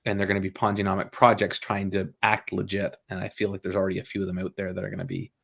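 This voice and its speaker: A low, gravelly man hosts a casual livestream. He rambles with lots of fillers and quick apologies, and he laughs easily. His voice sits deep and crackles with fry throughout. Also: completely flat delivery, a bit bright. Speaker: livestream host.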